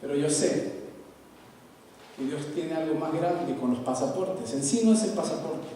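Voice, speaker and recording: A man from Peru, preaching a sermon, swinging between loud emphasis and soft asides. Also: a little high, measured pace, a little hiss or hum. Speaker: pastor. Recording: echoey hall, from far off.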